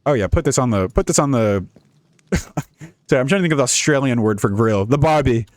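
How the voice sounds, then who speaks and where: A man's voice: medium pitch, lively intonation, a little fast, no room sound. A young man giving casual, jokey, rambling commentary while playing a video game. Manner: rambling, jokey, laughs often. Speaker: gaming YouTuber.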